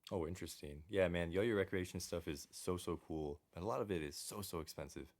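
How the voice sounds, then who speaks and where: A man with a strikingly deep, bassy voice co-hosts a casual podcast. He sounds laid-back and chats informally, often in short phrases of agreement. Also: fairly quick, darkish tone. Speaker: podcast co-host. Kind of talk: casual chat.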